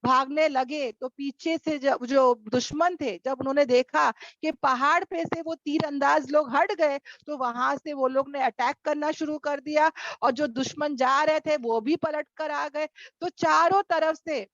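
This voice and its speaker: A woman's voice: high-pitched, fairly even intonation, unhurried, a bit bright, no room sound, dull audio. A woman teaching a religious lesson to a class of women, often asking questions and answering them herself. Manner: asks and answers her own questions. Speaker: Quran teacher. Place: online class over video call.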